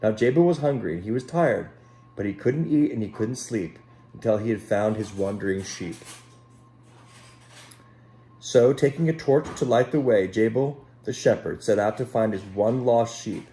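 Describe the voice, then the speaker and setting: A man with a voice on the low side reads a Bible story to children gently and without hurry, pausing to speak to them directly as a Sunday school teacher. The recording is rough, with a little hiss or hum.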